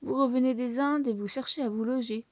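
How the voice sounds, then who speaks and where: A brisk, self-assured mouse detective from a storybook, bright-pitched and quick to explain, as a woman reading aloud puts him on. The voice sits somewhat high and mellow, recorded close and dry. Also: fairly even intonation, no echo, natural voice. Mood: confident. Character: clever excitable male mouse detective.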